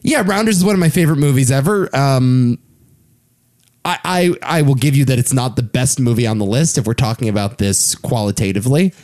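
A man co-hosting a podcast in casual chat, telling rambling stories with deadpan jokes and halting restarts. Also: medium pitch. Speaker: podcast co-host.

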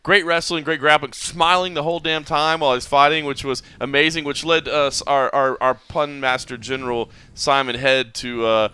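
Crisp-voiced podcast host. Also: male voice, on the high side, steady tone, pushed and bright. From Texas, United States. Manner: talkative, restarts phrases, quick to laugh. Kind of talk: casual post-fight recap chat.

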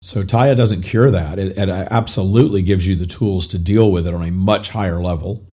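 A middle-aged man hosting a podcast monologue as a spiritual coach, his voice hoarse, raspy and whispery, as if nearly lost. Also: low voice, moderate pace, darkish tone. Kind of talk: informal motivational monologue.

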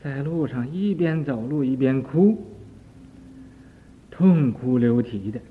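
An older man, a Buddhist teacher, telling a story in a leisurely dharma talk with many drawn-out interjections. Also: mid-range voice, expressive, slight background noise. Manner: leisurely, repetitive, full of drawn-out interjections, acting out the story's voices. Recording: tinny lo-fi archive tape.

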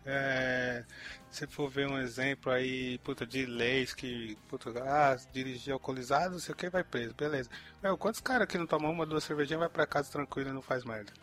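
A man's voice: mid-range voice, brisk, fairly bright tone, faint music behind. A young man, giving his opinions in a rambling, slangy way as a podcast co-host. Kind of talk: casual chat.

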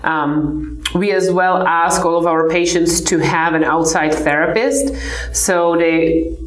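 A woman in her forties with a Czech accent, a psychotherapist explaining her clinic's work in a measured way with frequent fillers. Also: on the low side, steady tone, roomy sound, rough recording. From Czech Republic. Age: 40s. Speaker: ketamine-assisted psychotherapist. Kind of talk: podcast interview.

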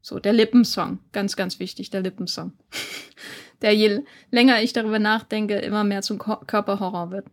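A woman's voice: mid-range voice, fairly even intonation, moderate pace. A woman co-hosting a podcast, talking casually about a film with frequent fillers and restarts. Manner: chatty, hesitant with fillers and restarts. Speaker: podcast co-host.

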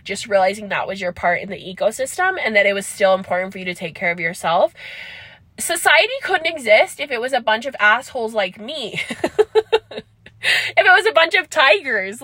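A young woman hosts a casual solo podcast from her parked car, rambling, chatty and laughing often, with a stuffed-up nose. Her voice is fairly high, bright and forceful, with no room sound.

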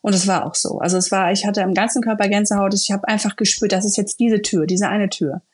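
A woman author in a casual interview, telling her story in a lively, animated way and acting out what people said. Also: medium pitch, fast, slightly rough. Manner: lively, animated storyteller who acts out quoted dialogue.

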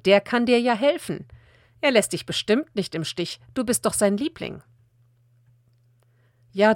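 Woman calmly reading scripture, dry sound. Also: mid-range voice, dry recording. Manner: calm, measured reading. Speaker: Bible reader.

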